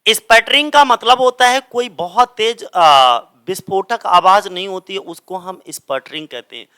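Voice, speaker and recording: Young guy teaching english lit, high bright voice, keeps quizzing himself. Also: expressive, normal speed, smooth. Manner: explanatory, asks and answers own questions. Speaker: English literature coaching teacher. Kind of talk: classroom explanation of grammar.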